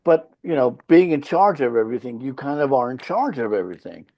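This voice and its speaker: Here the man's mid-range voice is sing-song and fairly quick, with a warm tone. A Swedish-speaking Finn who fronts a rock band, he's a podcast guest in casual interview chat, telling stories bluntly and profanely while hammering his points.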